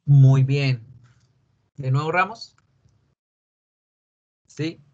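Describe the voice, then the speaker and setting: A man teaching an English grammar class in Spanish, explaining slowly and patiently and putting questions to his students. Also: medium pitch, a little mellow, highs cut off. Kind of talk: online class lecture.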